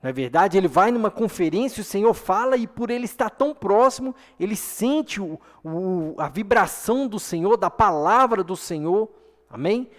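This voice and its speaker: A man's voice: sits high, animated, moderate pace. A man with a Brazilian accent preaching an earnest sermon to a congregation, often asking for an "amen". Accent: Brazilian Portuguese. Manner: earnest, repeats "amém?" to the congregation. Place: church hall. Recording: long hall reverb.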